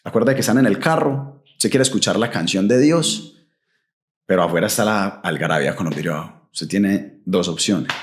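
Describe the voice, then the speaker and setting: A man's voice: low voice, lively intonation, moderate pace. A young adult man with a Colombian Paisa accent, telling his story as a podcast guest, vivid and full of local slang. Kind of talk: animated testimony.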